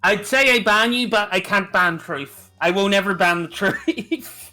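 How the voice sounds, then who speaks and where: Northern Irish male co-host, bright voice, loose joking delivery, stream chat. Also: sits high, unhurried, soft background music. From Northern Ireland. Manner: joking, laughs often, trails off.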